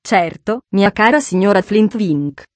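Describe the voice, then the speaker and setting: A woman voicing a boisterous, sinister Frenchman with a theatrical, drawn-out mocking delivery, read as a storybook, dry close sound. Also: mid-range voice, expressive, a little mellow, no room sound, close to an everyday voice.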